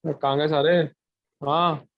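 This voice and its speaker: A man with a fairly high voice walks someone through a computer task over a voice call, going step by step at a slow pace. His delivery is flat and patient, and he repeatedly checks that the listener is following. The call audio is dull and lo-fi, with no room sound.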